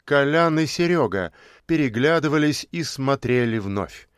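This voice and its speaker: A man narrating an audiobook in a steady, measured storytelling manner. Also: mid-range voice, smooth, dry recording, clean studio sound.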